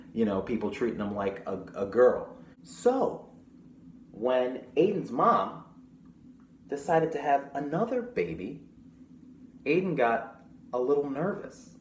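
A young man with a medium-pitched, darkish voice reads a picture book aloud to children, pausing to explain things simply and ask questions. It's a storytime read-aloud in a small room at home, with a roomy echo and clear background noise.

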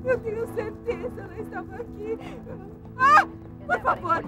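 Brief: a distraught young mother, crying, very high shrill pleas, loud music and crowd behind. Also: expressive, unhurried. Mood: desperate. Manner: pleading, sobbing, shouting for help. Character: young mother frantic over her stolen baby. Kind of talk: dubbed telenovela acting. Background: loud music and crowd noise.

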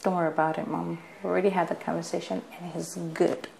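A woman's voice: on the low side, level tone, quick pace, gravelly, a little mellow, slight background noise. An actress with a Nigerian accent playing a busy young married woman, defensive and exasperated with her mother. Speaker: young wife. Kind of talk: film acting.

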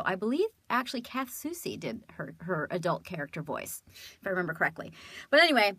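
A woman's voice: lowish voice, no room sound. A woman in her thirties from California, a voice actress chatting casually and animatedly as she shows off keepsakes. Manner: animated, chatty, laughing often. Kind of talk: casual show-and-tell vlog.

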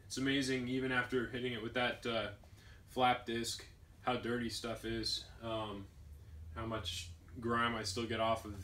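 A young metalworking vlogger plainly narrates his steps in a basement workshop, with frequent ums and uhs. His medium-pitched voice is level and sharp in tone, and he talks a little slowly.

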